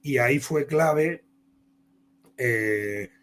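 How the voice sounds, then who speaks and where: With a mid-range, fairly bright voice, this Castilian-accented man from Spain speaks extremely slowly. He's a comic book author telling anecdotes from his career as an interview guest, drifting along conversationally.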